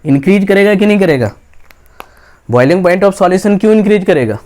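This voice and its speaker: Higher-pitched man quizzing his students. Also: lively intonation, moderate pace, a little mellow. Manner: quizzing with rhetorical questions and answering them himself; mixes English science terms into Hindi. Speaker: chemistry teacher. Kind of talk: classroom lecture.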